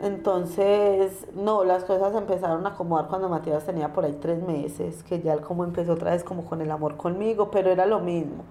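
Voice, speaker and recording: Woman, young adult, low pitch, warm mellow tone, personal testimony, repetitive. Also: steady tone, a little fast, hardly any pauses, faint music behind. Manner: conversational, repetitive storytelling. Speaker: interviewee.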